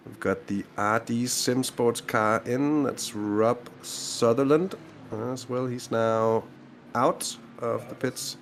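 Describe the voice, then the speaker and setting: A man doing live commentary on a sim race, chatty and quick to laugh, who often trails off mid-sentence. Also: medium pitch, a little hiss or hum. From Denmark. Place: at home in a sim racing rig.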